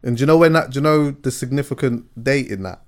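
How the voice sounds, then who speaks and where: A man's voice: medium pitch, fast. A man with a London English accent hosting a podcast in casual, slangy chat, often tagging his phrases with "yeah". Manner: conversational, often punctuates with "yeah" and "you know". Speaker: podcast host.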